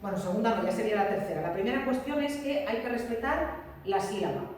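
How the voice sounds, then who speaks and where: A woman's voice: mid-range voice, quick pace, darkish tone. A woman teacher giving a classroom lecture, explaining patiently, repeating key points and checking that her students follow. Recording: roomy echo, distant mic, faint room noise.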